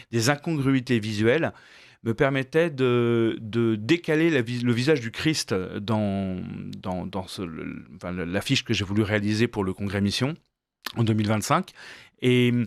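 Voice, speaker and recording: A man answers interview questions in a measured, searching way, pausing often and restarting his sentences. His voice sits in an ordinary middle pitch. The studio sound is dry and close. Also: dry recording. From Flemish background. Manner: thoughtful, many hesitations and restarts. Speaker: guest, painter and storyboard artist.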